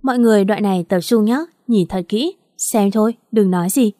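A stern elderly father-in-law who speaks in a measured, authoritative way, as a woman narrator reads him. The tone is mellow and low-key. The recording is dry, with no room sound. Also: no echo, close to an everyday voice. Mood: firm.

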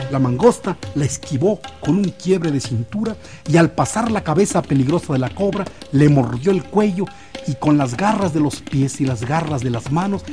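A man telling a story aloud on a radio program, with expressive, dramatic shifts in pitch and volume. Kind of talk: oral storytelling.

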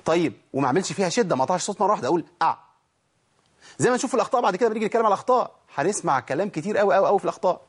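Male Egyptian Quran teacher, quick and somewhat high-pitched, explains by asking and answering himself. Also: animated, slightly rough. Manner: asks questions and answers them himself, demonstrating letter sounds. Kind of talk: audio tajweed lesson.

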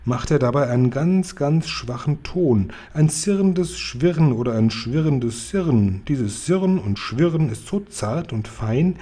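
A man voicing a big friendly old giant who brags about his hearing and plays with made-up words, in a husky, mellow voice. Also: medium pitch, animated, unhurried, few pauses. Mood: mysterious. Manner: whimsical, playing with made-up words.

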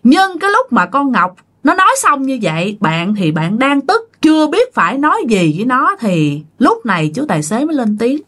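A woman's voice: high voice, sing-song, moderate pace, hardly any pauses, a bit bright. A woman telling a ghost story in a casual, chatty way, full of fillers.

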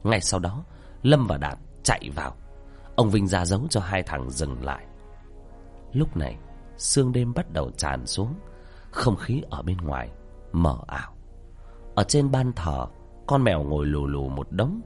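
A man's voice: sits low, sing-song, a little slow, pauses often, darkish tone, soft background music. A man telling a horror story in a tense, dramatic narrating style.

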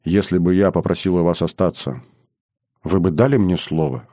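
A man's voice: deep voice, moderate pace, dark tone, no echo, clean studio sound, lightly acted. A man voicing a shy, anxious young grand duchess in an audiobook, speaking timidly and pleadingly. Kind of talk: audiobook character reading.

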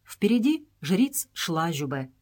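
A woman narrating an adventure novel as an audiobook in a steady, measured reading voice. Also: lowish voice. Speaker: audiobook reader.

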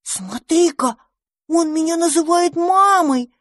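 A woman voicing a young boy mouse, eager and kind, talking in an excited way. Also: high-pitched, measured pace, no room sound, studio quality, pitched above the performer's own voice. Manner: excited, bright-eyed.

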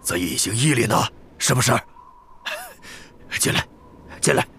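A man voicing a huge, stubborn male gamekeeper with a gruff, hoarse voice in an audiobook. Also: medium pitch, animated, unhurried, pushed and bright, a little hiss or hum, full character voice. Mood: hushed, urgent. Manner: stubborn, insistent. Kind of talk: audiobook character voice.

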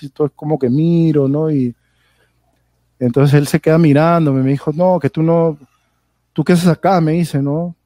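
A man's voice: fairly high pitch, warm tone, no room sound. A man from Peru with a Peruvian Spanish accent, a podcast guest telling anecdotes casually and tagging his phrases with a questioning aside. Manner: rambling storyteller, tags phrases with "¿no?".

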